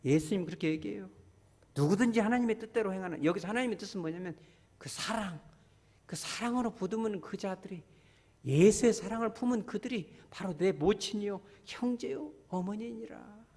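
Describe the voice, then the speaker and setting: A man preaching a Sunday sermon as pastor, animated, acting out scolding relatives in quick asides. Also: high-pitched. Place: church sanctuary. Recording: church hall reverb.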